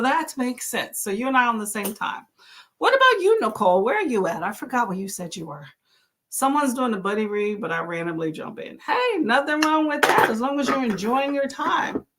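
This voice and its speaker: Her voice is high, bright, and forceful as this livestream host reads viewer comments and encourages her audience in a casual chat. She's chatty and exclaims a lot while clearing her throat.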